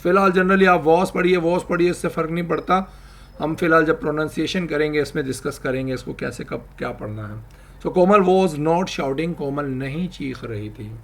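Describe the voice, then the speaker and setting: A man teaching English grammar, explaining slowly and repeating example sentences. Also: fairly high pitch, fairly even intonation, creaky, a bit bright. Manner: addresses viewers, asks them to try. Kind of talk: spoken language lesson.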